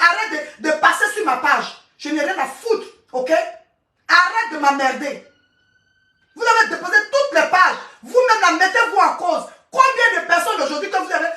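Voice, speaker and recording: High sharp-voiced woman ranting on her live stream, lots of repeats and stammers, roomy echo, kinda far from the mic. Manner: scolding, repetitive, stammering restarts. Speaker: online coach doing a live stream. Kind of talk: angry live-stream rant. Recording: echoey room, voice off-mic.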